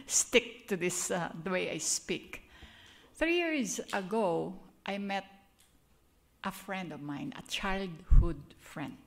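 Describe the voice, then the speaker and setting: With a Filipino accent and a medium-pitched voice, an older woman from the Philippines preaches a church sermon and leads a prayer as a guest speaker. She takes it slowly with lively intonation, staying earnest and chatty and laughing at herself.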